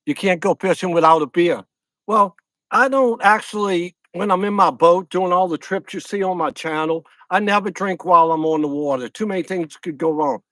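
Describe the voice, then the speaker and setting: A middle-aged man with a Louisiana accent chats loosely through a phone livestream from a lakeside camp at night. His voice sits fairly high for a man, and the sound is dry and close. He rambles, repeats his lines and greets viewers one by one. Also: fairly bright tone, dry recording. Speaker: fishing channel host. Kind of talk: casual livestream chat.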